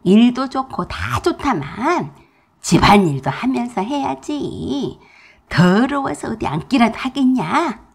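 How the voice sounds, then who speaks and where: A shrill, domineering older mother-in-law from a radio drama, as a woman puts her on. She barks orders and talks down to people in a loud, husky voice that rises and falls sharply. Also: very animated, a little slow, heavily acted. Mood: scolding. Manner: loud, bossy, talks down in plain speech.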